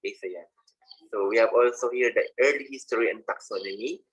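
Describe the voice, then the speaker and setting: A man's voice: lowish voice, fast talker, breathy edge, low-quality recording. A man with a Filipino accent giving a recorded college lecture, reading slides and then explaining them with many fillers.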